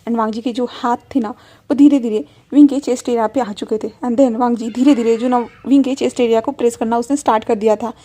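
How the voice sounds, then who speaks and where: Woman storyteller, chatty fan-fiction narration, higher voice with a mellow warmth. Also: fairly even intonation, brisk. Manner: chatty, heavy with fillers and English words.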